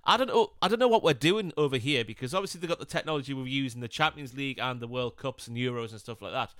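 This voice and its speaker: A man co-hosting a football podcast, talking in a blunt, casual way with plenty of swearing. His voice is bright and smooth. He is recorded close on a dry mic. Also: medium pitch, fast, dry recording. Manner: blunt, swears casually, slips into mocking impressions. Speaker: podcast co-host.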